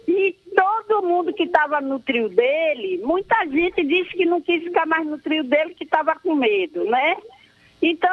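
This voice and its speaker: A woman's voice: high voice, no room sound. A woman caller, speaking earnestly and devoutly in a rambling way, heard over a phone line. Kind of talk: emotional call-in complaint.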